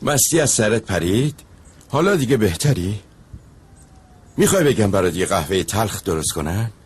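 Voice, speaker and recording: A man's voice: lowish voice, sing-song, husky, heavily acted. A middle-aged man dubbing a stern, sarcastic uncle who heads the household. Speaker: dubbed drama character, household elder. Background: background score music.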